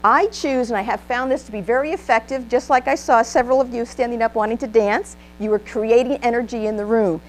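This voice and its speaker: A woman's voice: fairly high pitch, brisk, hardly any pauses, soft background music, poor audio. A woman giving a motivational training talk, upbeat and emphatic, leading a live audience in call-and-response. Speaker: presenter giving a trainer workshop.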